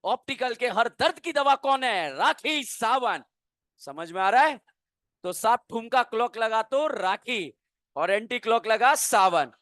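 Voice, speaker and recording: A man teaching chemistry in a lively classroom lecture, playfully quizzing students with call-and-response questions. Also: very high voice, a little slow, no room sound, clean studio sound.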